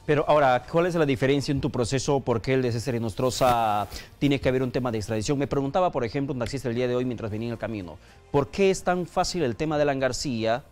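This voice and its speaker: A man's voice: medium pitch, fast talker, a little mellow, soft background music. A man hosting a radio news interview in a studio and pressing his guest with listeners' questions.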